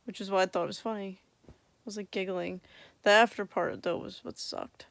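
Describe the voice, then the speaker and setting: A young woman talks casually to her vlog after wisdom teeth removal, with a lisp from her swollen mouth. Her voice is creaky and drowsy, at an ordinary pitch, recorded close and dry. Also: fairly even intonation, fairly quick, no room sound. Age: young adult. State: tired, drowsy from medication. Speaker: vlogger. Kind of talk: casual chat.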